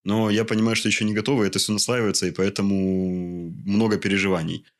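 A young man in his twenties with a very low voice answers interview questions. He talks haltingly and searches for his words. He pads his thoughts with small fillers. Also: little pitch movement. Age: 20s. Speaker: interview guest. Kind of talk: casual interview conversation.

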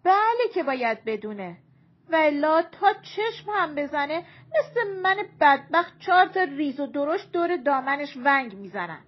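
Woman doing a shrill, loud young mother. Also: expressive, muffled recording. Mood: complaining. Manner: shrill, complaining, colloquial Tehran speech.

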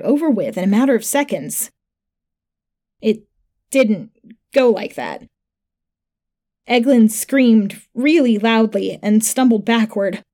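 A woman narrating a first-person sci-fi horror story in a calm, matter-of-fact way. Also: fairly high pitch.

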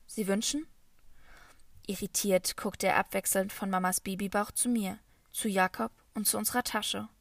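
A woman reading a children's novel as first-person scripted narration, in a calm storytelling manner. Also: mid-range voice, moderate pace, vocal fry, no room sound. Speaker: audiobook reader.

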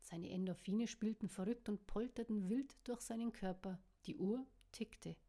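A woman's voice: medium pitch, moderate pace, warm tone. A woman reading her own novel aloud in plain narration with the odd small slip.

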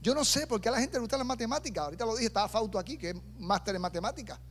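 A man with a strikingly high voice preaches a lively sermon. He slips into voices for the people in his story and drops joking asides to the congregation. He sounds middle-aged and speaks with the easy rhythm of a seasoned pastor. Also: racing. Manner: animated preaching, acting out quoted voices with humorous asides.

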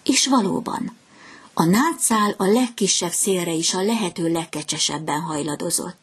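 A woman with a low, husky voice reads a fairy tale aloud. She keeps a gentle, measured storytelling pace. Her tone is soft and breathy.

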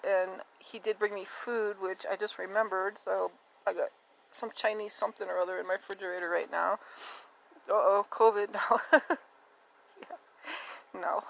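Woman host, mid-range voice, talking alone in a loose, confessional ramble, quiet and shaky. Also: mid-range voice, low-quality recording. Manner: rambling and confessional, with frequent fillers. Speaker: podcast host. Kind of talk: candid personal monologue.

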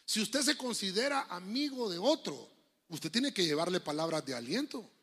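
Animated, husky Honduran pastor. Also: male voice, high-pitched, moderate pace. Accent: Honduran Spanish. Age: middle-aged. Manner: joking, storytelling preacher, acts out voices. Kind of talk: lively sermon.

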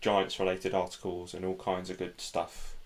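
A man's voice: deep voice, monotone, moderate pace. A man chatting casually as a co-host on a sports podcast.

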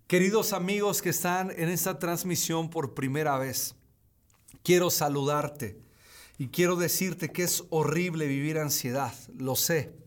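Man, thirties, sermon preacher, emphatic, repetitive phrasing, high-pitched, slow. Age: 30s. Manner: emphatic, repeats key phrases. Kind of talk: streamed sermon.

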